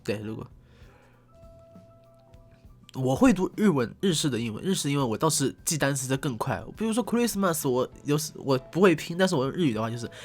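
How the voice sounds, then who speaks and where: Brisk and mid-range, this young man's voice swings widely in pitch as he hosts his channel with faint music behind. He chats to camera through a desk condenser mic in a teasing, self-mocking way, hamming up English words.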